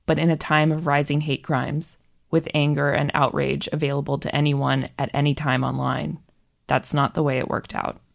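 Low, gravelly woman narrating. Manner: measured, even storytelling delivery. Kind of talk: scripted narration.

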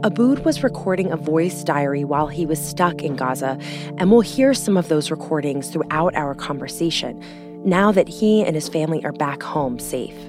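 Woman news podcast host, low register, measured scripted narration, soft music bed. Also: animated.

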